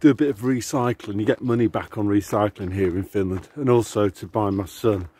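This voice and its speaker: Walking outdoors to the shops, a vlogger chats casually to camera in a rambling, sardonic way. His voice sits on the low side, mellow and slightly rough, and he speaks fairly quickly.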